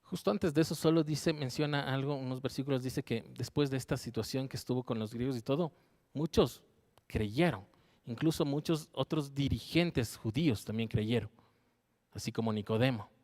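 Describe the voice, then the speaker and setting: A man's voice: medium pitch, normal speed, a little mellow. A man leading a Bible study sermon, reading scripture verses aloud, explaining them and checking in with his listeners by asking "¿sí?". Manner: checks in with listeners with a frequent questioning "¿sí?".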